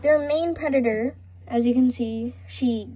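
A woman's voice: a little high, unhurried, dark tone, husky. A young woman chatting casually about her pet reptiles in a pet care vlog, rambling with many fillers and restarts, filmed on a phone or camera near the tank. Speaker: reptile keeper vlogger.

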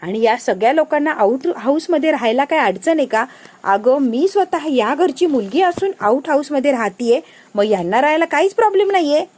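A woman's voice: high voice, expressive, a little fast, darkish tone. Assertive, loyal young woman, firm delivery, read by a woman.

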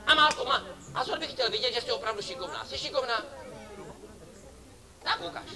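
A man's voice: very high voice, vocal fry. A man performing as a street clown for children at an outdoor summer festival, joking and teasing volunteers from the audience. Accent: Czech. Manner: playful, teasing banter with kids and audience. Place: outdoor festival stage before a crowd. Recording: lively crowd behind.

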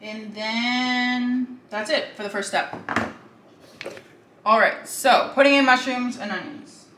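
A young female cooking vlogger chats her way through a cook-along in her home kitchen, thinking aloud as a pan sizzles. Her voice is a little high and fairly bright, with fairly even intonation and a slow pace. The kitchen echoes, and there's faint background noise.

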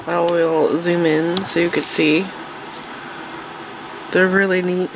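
Over a noisy background, a woman with a fairly low, level voice speaks at a slow pace, nasal and stuffed up from allergies. She's excitedly showing her craft supplies in a casual show-and-tell, chatting with fillers and restarts. She sits at an indoor tabletop with an overhead camera on her hands.

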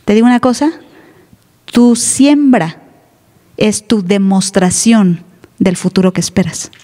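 A woman's voice: mid-range voice, animated, unhurried, mellow. Emphatic woman pastor preaching in a hall. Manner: emphatic, teasing, plays other voices. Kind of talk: sermon. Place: church. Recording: live church hall reverb.

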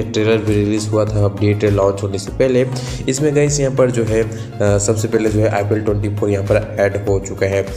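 A young man hosting a gaming channel walks through a game update in a voice-over recorded over screen capture, full of fillers and repeated "guys." His voice is lowish and warm, in an echoey room with faint background music.

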